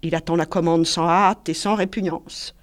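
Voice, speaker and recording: Reader: woman, literary excerpt, measured and expressive delivery. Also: fairly low pitch. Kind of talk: literary reading.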